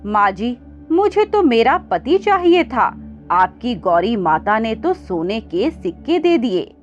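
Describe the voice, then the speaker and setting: A woman's voice: fairly high pitch, sing-song, slow pace. A woman voicing a poor young wife who pleads tearfully for her lost husband, over faint music on a dull recording. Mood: pleading.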